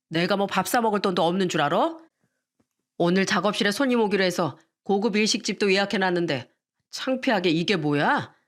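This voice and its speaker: A woman's voice: medium pitch, close to an everyday voice. A woman doing a scornful, boastful husband. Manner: dismissive, scornful, sighing. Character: arrogant newly rich male composer husband.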